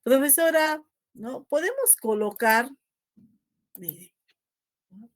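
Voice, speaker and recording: Teacher tagging lines with "¿no?". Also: female voice, fairly high pitch, animated, a little slow. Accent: Peruvian Spanish. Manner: ends phrases with a tag "¿no?"; explains patiently with examples. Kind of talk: slide-based spelling lesson.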